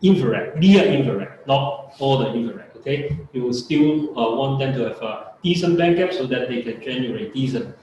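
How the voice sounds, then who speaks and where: Man, Hong Kong accent, mid-pitched, halting academic lecturer, echoey seminar room. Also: animated, mellow, slight background noise. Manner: halting, frequent hesitations and "right?". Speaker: professor giving a seminar.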